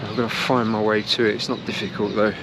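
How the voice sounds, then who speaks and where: A running vlogger talks casually to camera outdoors on city streets, explaining things as he goes. His voice is lowish and level in tone at a quick pace, and urban traffic noise fills the background.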